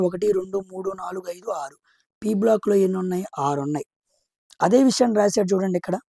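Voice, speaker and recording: A woman teaching chemistry. She asks her own questions, answers them herself, counts aloud and slowly repeats key terms. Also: mid-range voice, creaky, warm tone, slightly rough, no room sound, clean studio sound. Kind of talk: explaining chemistry, drawing on a board.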